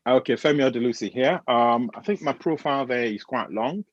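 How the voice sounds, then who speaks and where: A man's voice: medium pitch, fairly quick, dry recording, lo-fi sound. A man who works as a transformation coach introducing himself confidently on a panel.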